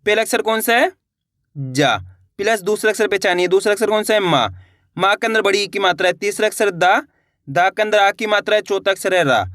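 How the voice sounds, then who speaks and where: A man with a high, bright voice leads a beginner reading lesson. He sounds out each syllable patiently and draws the joined words out long, asking the listener again and again how to read them. The sound is close and dry, with no room around it. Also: no room sound. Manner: slow, drawn-out syllable-by-syllable reading; repetitive teacherly coaxing. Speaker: Hindi reading teacher.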